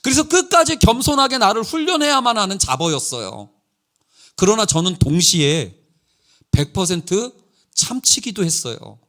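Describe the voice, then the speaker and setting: A middle-aged man preaching a sermon in a church, telling stories with lively quoted dialogue. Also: high voice, normal speed. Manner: animated storytelling with quoted dialogue. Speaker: pastor. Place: church sanctuary.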